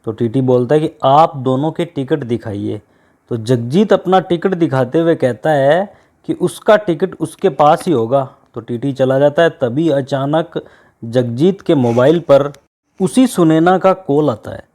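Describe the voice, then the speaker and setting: A man's voice: a little high, expressive, unhurried, dark tone. A man narrating a story as a storyteller, addressing listeners directly and voicing the dialogue himself.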